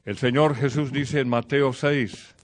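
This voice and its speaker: A man's voice: medium pitch, steady tone, measured pace. Man preaching a conversational sermon. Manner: conversational preaching with anecdotes and direct address to the congregation.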